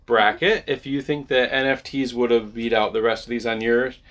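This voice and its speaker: A man's voice: medium pitch, fairly even intonation, normal speed, a bit bright. A man co-hosting a collector video in casual chat, rambling and joking, often trailing off. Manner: rambling, jokey, trails off with "I don't know". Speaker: collector channel co-host.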